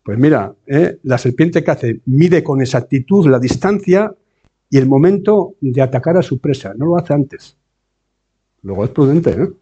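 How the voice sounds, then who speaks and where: A man preaching a sermon, often asking rhetorical questions and slowing down to stress key words. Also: mid-range voice, lively intonation, mellow, husky. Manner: rhetorical questions and tag checks like eh and no. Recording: dull lo-fi sound.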